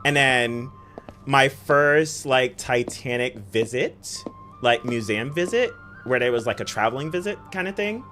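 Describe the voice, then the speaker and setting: A gaming streamer chatting casually while playing, telling stories excitedly and talking to the chat. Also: mid-range voice, a little slow, soft background music. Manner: excitable, giggly storytelling, talks to chat.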